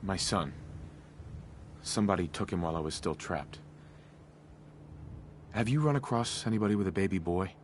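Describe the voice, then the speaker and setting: A man voicing a father searching for his kidnapped son in video game dialogue, speaking calmly and directly. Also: sits low, normal speed, pauses often, a little hiss or hum, close to an everyday voice. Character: man who woke after long freeze, searching for his son.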